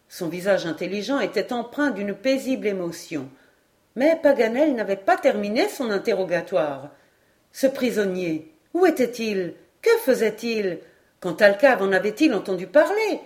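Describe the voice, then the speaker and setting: Measured woman reading a classic novel. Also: fairly high pitch, darkish tone. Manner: clear, measured storytelling. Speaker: audiobook reader. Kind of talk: scripted narration of a classic novel.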